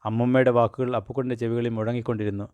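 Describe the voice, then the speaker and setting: A man narrating a children's storybook in a measured, plain storytelling manner. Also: medium pitch, flat delivery, a little mellow, clean tone, no echo.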